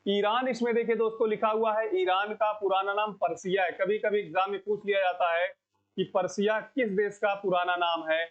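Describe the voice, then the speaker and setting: High-voiced man teaching exam prep. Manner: repeats key answers, asks the class questions. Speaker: coaching teacher. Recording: dull lo-fi sound.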